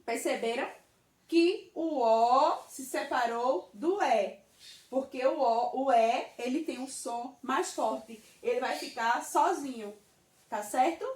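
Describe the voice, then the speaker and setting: A woman's voice: sits high, darkish tone. A woman teacher with a Brazilian Portuguese accent, giving a patient children's grammar lesson and checking often that the class follows. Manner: slow, patient, checks in with "tá certo?". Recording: roomy, from a distance.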